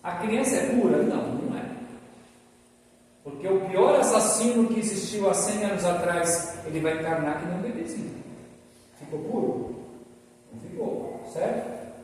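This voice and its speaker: A man's voice: high-pitched, moderate pace, a little hiss or hum. A man giving a spiritual lecture, asking the audience questions and acting out short dialogues. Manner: animated, asks the audience questions. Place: lecture hall. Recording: echoey hall, distant mic, faint ambience.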